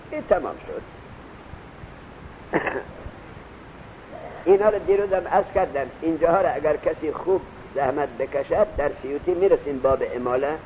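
A man's voice: fairly high pitch, a little mellow, a little hiss or hum, poor audio. A man teaching Arabic grammar in a classroom lecture, repeating his points and quizzing his students. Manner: urges students to take notes.

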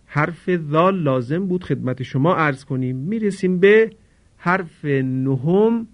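A man teaching Quran recitation in a formal radio lesson, slowly demonstrating how to pronounce each sound. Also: a little high. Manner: slow, careful demonstration of sounds; formal and polite. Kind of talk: radio lesson on Arabic pronunciation. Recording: dull lo-fi radio recording.

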